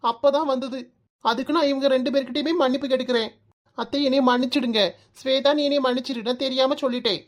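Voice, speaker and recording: A woman's voice: high-pitched, steady tone, fast talker, close to an everyday voice. A woman voicing a hurt young daughter-in-law in a comic cartoon, with a Kanyakumari Tamil accent, speaking in a plaintive, apologetic way.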